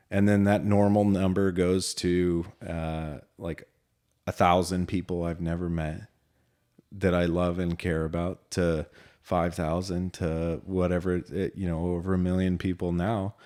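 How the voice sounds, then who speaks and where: Deep-voiced man musing slowly on a podcast. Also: mellow. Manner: rambling and reflective, many fillers. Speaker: podcast co-host. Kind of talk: casual podcast chat.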